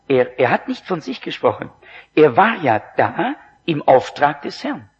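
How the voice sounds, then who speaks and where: A man preaching a sermon, slow and emphatic, his voice rising in exclamations. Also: a little high, slightly rough. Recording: dull lo-fi recording.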